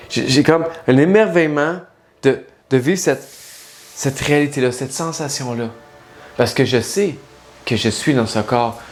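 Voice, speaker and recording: Man coaching the listener directly. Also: mid-range voice. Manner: talks straight to the listener, asks many rhetorical questions. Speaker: life coach and spiritual guide. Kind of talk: casual direct-to-camera monologue.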